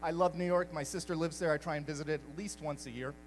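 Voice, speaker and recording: Young man, high voice, from Belgium, jokey stage talk to a crowd. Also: quick pace, soft background music, poor audio. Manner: lively, jokey, addresses crowd directly. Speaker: speaker at a live community talk night. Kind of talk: upbeat live talk to an audience.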